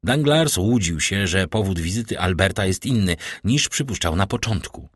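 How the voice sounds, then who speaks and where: A man's voice: deep voice, animated, normal speed, breathy edge, no echo, clean studio sound. A man narrating a classic novel, reading expressively and with life. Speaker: audiobook narrator. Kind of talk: scripted narration.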